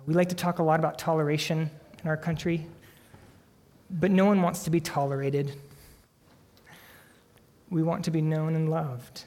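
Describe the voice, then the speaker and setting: A man delivers a sermon in an earnest, emphatic way, drawing out important phrases slowly for weight. His voice sits a little high for a man. The sound carries a long reverb, like a large church hall. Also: darkish tone. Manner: earnest, emphatic preaching with slow dramatic pauses. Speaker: pastor.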